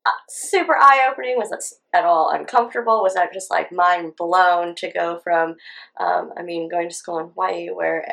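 A woman's voice: fairly low pitch, normal speed, vocal fry, fairly bright tone, poor audio. A woman interviewing a guest in a casual conversation, asking curious, probing questions.

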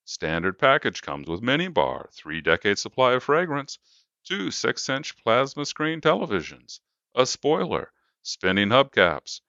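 A man's voice: on the low side, vocal fry, bright, forceful tone, dry recording, voice pushed up, full character voice. A brash, pushy coffin salesman who rattles off prices with slick patter, as a man puts him on. His voice rises above a plain, dull-sounding dry recording. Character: pushy smooth-talking male coffin salesman.

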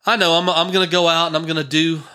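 A man's voice: on the high side, flat delivery, fast, sharp tone, pitched above the performer's own voice. A man quoting his confident, matter-of-fact four-year-old son in his own voice while telling a family story.

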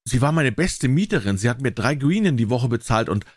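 A man's voice: mid-range voice, big pitch swings, brisk, breathy edge, no echo. A man reading the lines of a respectable, chatty older landlady in an audiobook story.

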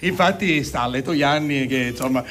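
A man's voice: medium pitch, moderate pace, a bit bright. A man with a Sicilian accent and touches of dialect, co-hosting a casual radio chat and repeating phrases for emphasis. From Sicily, Italy. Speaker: radio co-host. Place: radio studio.

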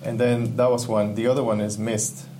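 This guest, a game UI/UX artist from Ecuador, speaks in a mid-range voice at a normal pace during a casual interview. As he searches for words he sounds reflective and enthusiastic. The recording is rough, with a steady hum.

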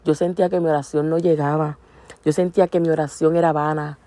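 A woman's voice: deep voice, flat delivery, a little fast, warm tone, no echo. A woman giving an informal sermon, earnest and exhorting, repeating her points. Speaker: preacher.

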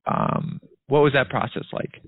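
A man hosting a podcast and asking interview questions in a relaxed, somewhat hesitant way. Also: a little slow. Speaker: podcast host. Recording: dry, phone-like line.

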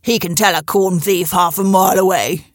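A woman voicing a quarrelsome, boastful old male crow in a storybook reading, croaking and blustering. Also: lowish voice, steady tone, moderate pace, no echo, studio quality, soft background music, natural voice. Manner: blustering, demanding.

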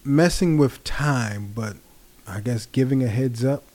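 A man giving casual, rambling commentary as a vlogger, talking in a relaxed way with many fillers. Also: mid-range voice, measured pace. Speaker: pop culture vlogger.

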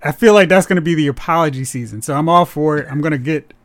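A man in casual podcast chat, wry and quick with jokes. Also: a little high, no room sound. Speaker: podcast co-host. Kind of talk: casual chat about superhero movies.

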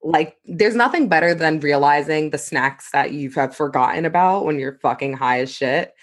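A young woman co-hosting a podcast, telling animated stories and swearing freely in casual chat. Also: deep voice, moderate pace. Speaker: podcast co-host.

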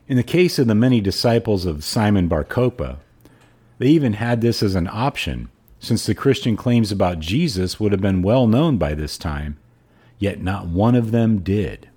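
Hoarse, deep-voiced man reading aloud. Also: darkish tone. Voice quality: hoarse, froggy. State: hoarse throat. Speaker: podcast host reading a book aloud. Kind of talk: audiobook-style reading and podcast sign-off.

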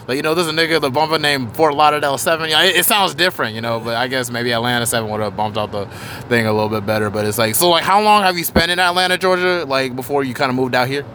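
Fast-talking chatty podcast host man. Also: medium pitch, bright, forceful tone, a little hiss or hum. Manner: chatty, rambling, swears casually. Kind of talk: casual interview chat.

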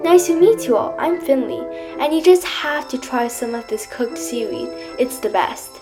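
A woman giving voice to a talkative little clownfish in a children's storybook. The fish rambles on in a fairly high voice with a complaining edge. Music plays behind the voice. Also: expressive, moderate pace. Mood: friendly. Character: young clownfish, glum and gabby.

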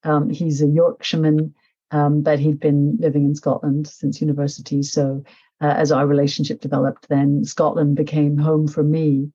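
A middle-aged Nepali woman, an author appearing as a podcast guest, speaks reflectively in a casual interview, full of fillers and restarts. Her voice is low, mellow and husky, with a monotone delivery at a moderate pace, and the audio sounds dull.

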